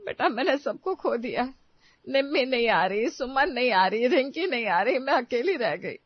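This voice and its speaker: A woman's voice: high-pitched, big pitch swings, moderate pace, no echo, dull audio. A woman voicing a stern but hurt middle-aged mother-in-law who pleads and defends herself. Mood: regretful.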